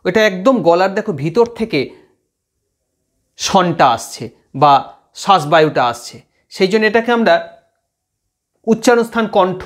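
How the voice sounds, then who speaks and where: A man teaching students phonetics, patiently explaining and repeating sounds aloud to demonstrate them. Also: high-pitched.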